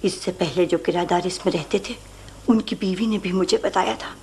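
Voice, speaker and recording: A woman playing a gossipy neighbor who tells ghost stories in hushed, conspiratorial tones. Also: on the low side, normal speed, slight background noise, natural voice. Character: gossipy middle-aged neighbor, ominous storyteller. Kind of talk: vintage radio drama acting.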